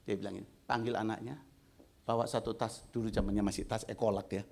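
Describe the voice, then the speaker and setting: A man's voice: fairly low pitch, level tone, quick pace, gravelly, darkish tone. A male pastor preaching a sermon, telling a story and acting out both sides of the dialogue. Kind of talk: sermon testimony.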